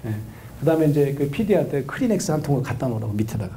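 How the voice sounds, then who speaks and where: A middle-aged man, a counseling professor, giving a lively lecture to an audience and acting out the voices of a wife and husband. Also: medium pitch, racing. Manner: animated, acts out quoted voices of a wife and husband.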